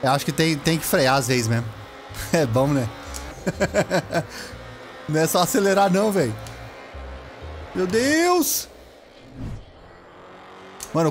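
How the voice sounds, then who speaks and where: A young man with a Brazilian accent giving casual, excitable gameplay commentary, full of slang, shouting and laughing at the game. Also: fairly high pitch. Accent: Brazilian Portuguese. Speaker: gameplay streamer.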